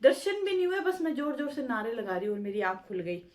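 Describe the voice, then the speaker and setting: Chatty homely woman vlogger, slightly high voice. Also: sing-song, fast. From India. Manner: chatty, homely, addresses viewers with "chaliye ji". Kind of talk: casual home vlog chat.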